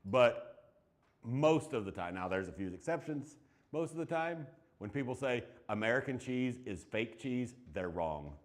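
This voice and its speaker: A man's voice: medium pitch, animated, measured pace. A man in his forties teaching a math class, chatty and encouraging, with joking asides to his students. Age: 40s.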